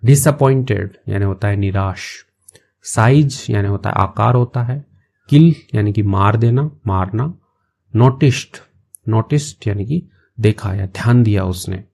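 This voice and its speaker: Gravelly-voiced man teaching English. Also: lowish voice, darkish tone. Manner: slow, patient word-by-word explanations. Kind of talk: explaining an English story in Hindi.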